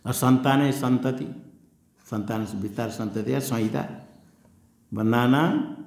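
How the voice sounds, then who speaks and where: A man, a swami, giving a scripture class in an ashram hall, slowly repeating key terms and drilling recitation. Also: mid-range voice, vocal fry, a little mellow. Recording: echoey room.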